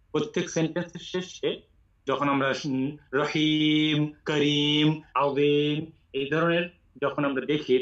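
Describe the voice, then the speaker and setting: A man teaching Quran recitation in an online class, explaining rules patiently and reciting slowly with long drawn vowels. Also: fairly high pitch, fairly bright tone. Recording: echoey room, muffled audio.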